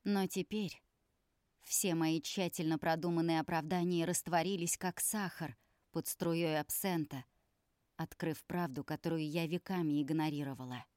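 A woman narrating a first-person audiobook in a measured, somber manner. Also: low-pitched, fairly even intonation, darkish tone, no echo, clean studio sound.

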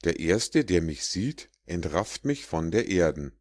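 A man's voice: deep voice, big pitch swings, unhurried, a little mellow, dry recording, clean studio sound, exaggerated voice. A man voicing a proud, self-assured diamond speaking with smug confidence.

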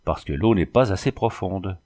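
A man reading an audiobook, voicing a terse, calm young Native woman who speaks in short formal sentences. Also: deep voice, normal speed. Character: stern, laconic young Native woman guide. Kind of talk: audiobook character voice.

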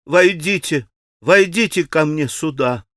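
A man voicing an impetuous, bossy teenage girl who speaks in a loud, commanding, urgent way. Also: on the high side, animated, moderate pace, dry recording, studio quality, pitched above the performer's own voice.

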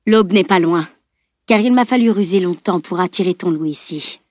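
A woman's voice: on the low side, moderate pace, darkish tone, no room sound, clean studio sound, close to an everyday voice. A woman voicing a cruel male mercenary who speaks in a cold, mocking way. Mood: gloating. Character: cruel gloating male mercenary, calm and menacing.

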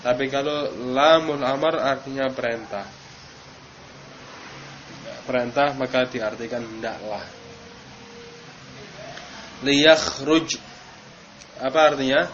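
A man's voice: mid-range voice, takes it slowly, pauses often, a bit bright. A man teaching Arabic grammar to a class, quizzing students by name and stressing drill words. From Indonesia. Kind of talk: classroom lesson. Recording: dull noisy classroom recording.

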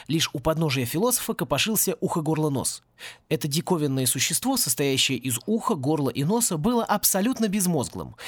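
Expressive male audiobook narrator. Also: on the high side, no echo. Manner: wry, expressive storytelling. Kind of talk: scripted narration of satirical fantasy. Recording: dry, close-miked home recording.

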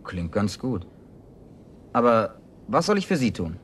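An actor playing a sceptical ex-athlete and reluctant drifter in a German radio drama, laconic, wry and a little hesitant. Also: male voice, lowish voice, very animated, measured pace, husky, exaggerated voice. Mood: wary.

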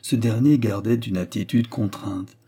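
Reading a novel aloud in a calm, even audiobook style, a male narrator tells the story at a measured pace. His pitch is fairly low, with a breathy edge.

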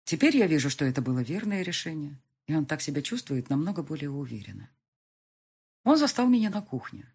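A woman's voice: deep voice, very animated, brisk, darkish tone, slightly rough. A woman narrating a first-person audiobook in an intimate, reflective way.

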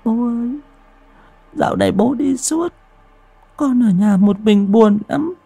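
A man voicing an eerie five-year-old boy with a cold, drawn-out childlike voice. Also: very high voice, vocal fry, mellow, husky, dry recording, voice pushed up, heavily acted. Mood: eerie pleading.

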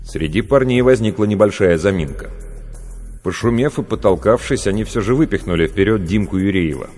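A man narrating a story as an audiobook in an expressive storytelling manner. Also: fairly low pitch, fairly quick. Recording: long reverb, faint music.

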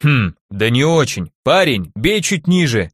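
A man voicing a gruff, weary middle-aged male watchman who grumbles and bellows. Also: mid-range voice, big pitch swings, unhurried, dry recording, clean studio sound.

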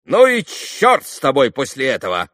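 A man's voice: mid-range voice, very animated, measured pace, no room sound, studio quality, voice pushed up. A man voicing a cocky, clever schoolboy who teases and questions people sternly, in a storybook reading.

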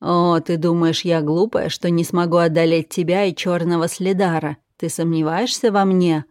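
A woman voicing a fanatical, cruel female jailer who speaks slowly and spits contempt. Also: lowish voice, darkish tone, no room sound, studio quality, lightly acted.

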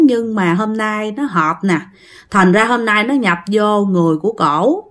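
Brief: woman playing an old shaman, soft coaxing delivery, Southern Vietnamese accent, spoken ghost story. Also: on the high side. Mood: explaining. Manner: gentle, soothing, coaxing. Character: old male village shaman, calm and coaxing.

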